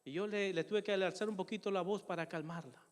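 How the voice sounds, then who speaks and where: A man's voice: high voice, brisk. An older man preaching a sermon and telling a personal testimony in an earnest, emotional way, often calling his listeners brothers. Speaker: pastor. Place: church. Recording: long hall reverb in a church.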